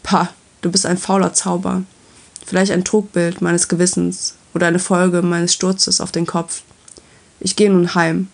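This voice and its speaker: A woman voicing a grumpy, stubborn male dwarf in a storybook reading, gruff and scornful. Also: fairly low pitch, flat delivery, measured pace.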